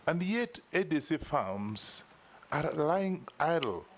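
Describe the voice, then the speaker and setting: A man's voice: fairly high pitch, big pitch swings, slow. A Kenyan man questioning a nominee at a parliamentary hearing, direct and insistent on specifics. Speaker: committee member questioning a nominee.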